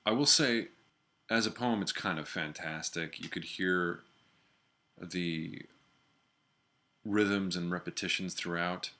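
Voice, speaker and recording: A man with a low, bright voice speaks in a measured, expressive way. He leaves deliberate pauses between phrases, in the style of someone reading aloud or commenting on a piece of writing. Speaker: reader and critic of a writer's piece. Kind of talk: expressive reading of a personal narrative, then spoken critique.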